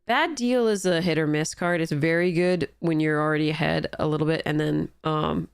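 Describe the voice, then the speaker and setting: A woman's voice: deep voice, normal speed, vocal fry, clear, resonant tone, no room sound, clean studio sound. A woman with a congested, stuffy nose, commentating casually and wryly on a game as she streams.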